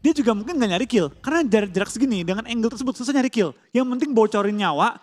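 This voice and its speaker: A man's voice: high voice, animated, rapid-fire. A man commentating on an esports match as co-caster, explaining tactics in slangy speech. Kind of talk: live esports commentary and analysis.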